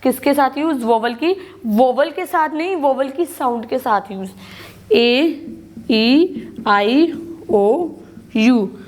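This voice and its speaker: A woman's voice: high voice, expressive, slow pace, darkish tone. A woman with an Indian English accent teaching a school grammar lesson in Hindi and English, patiently repeating key words and asking questions she then answers herself.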